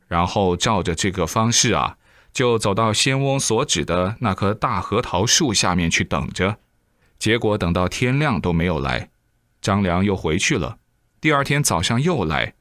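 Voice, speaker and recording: A male preacher spins a moral story with plenty of exclamations and acted-out moments. His voice sits low, and the recording is dry and close. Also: no echo. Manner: lively, exclaiming, acting out the scenes. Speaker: preacher telling a moral tale. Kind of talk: animated storytelling sermon.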